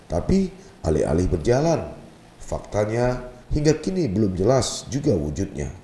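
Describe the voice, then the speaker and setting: Deep, dark-voiced male news narrator. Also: reverberant, slight background noise.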